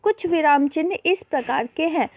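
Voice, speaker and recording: A woman's voice: high voice, normal speed, no echo. A woman teacher patiently explaining a worksheet lesson to young children, often calling them beta, mixing in English words. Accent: Hindi, mixing English terms. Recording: tinny phone-like voice-over.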